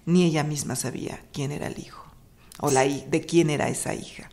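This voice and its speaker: A woman hosting a podcast interview, asking lively questions. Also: deep voice, a little fast, whispered. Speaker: podcast host.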